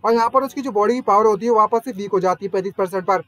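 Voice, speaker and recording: A man narrating an anime recap in a casual, excitable way, with slangy joking asides. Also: high voice, rapid-fire, no room sound.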